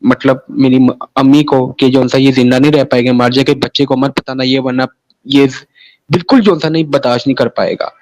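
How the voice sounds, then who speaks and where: A man from Pakistan, appearing as an interview guest, talks briskly about his own life in a rambling fashion. His mid-range voice has a darkish tone and fairly even intonation. The recording is rough, and "sahi hai na" keeps coming back as he restarts phrases.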